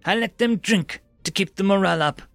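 A man's voice: sits high, fairly quick, creaky, a bit bright, no echo, faint music behind, voice pushed up. A man voicing a stern, commanding female starship captain.

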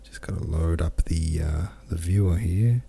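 On a book podcast, a man with a deep, warm, slightly rough voice talks a little slowly, with some vocal fry. He muses on a chapter, reads listener comments, then reads from the novel, all in a casual book-club manner.

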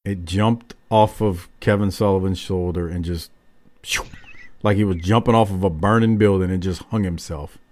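A man with a lowish voice hosts a wrestling recap podcast. He talks casually and bluntly, swearing freely. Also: fairly even intonation, moderate pace, darkish tone. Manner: profane, blunt. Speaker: podcast host.

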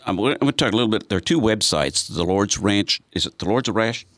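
A man's voice: on the low side, expressive, fast talker, fairly bright tone, dry recording. A man interviewing guests in a chatty way, often restarting his sentences. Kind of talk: conversational interview.

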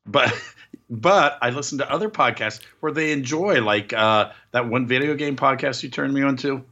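A man's voice: medium pitch, normal speed, sharp tone, lo-fi sound. A man co-hosting a podcast in casual chat, rambling through absurd joking tangents. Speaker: podcast co-host.

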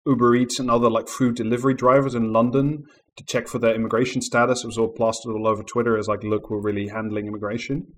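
A man hosting a podcast in casual chat. He speaks with careful, clear diction and laughs easily. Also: medium pitch, flat delivery, fast talker, a bit bright. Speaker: podcast host.

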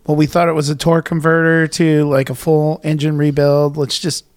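A man's voice: on the high side, completely flat delivery, fairly quick. A man co-hosting a show in casual chat, with wry, joking storytelling. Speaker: podcast co-host.

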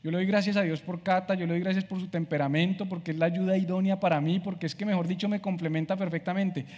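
A man's voice: high-pitched, steady tone, fast, darkish tone, big-room sound. A man preaching a conversational sermon, acting out how he talks to himself. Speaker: pastor.

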